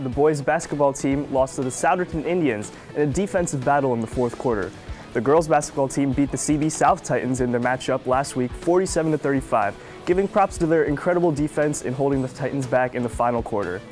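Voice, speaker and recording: A man's voice: a little high, a little mellow. Teen boy reading sports update. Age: teens. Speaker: student sports reporter.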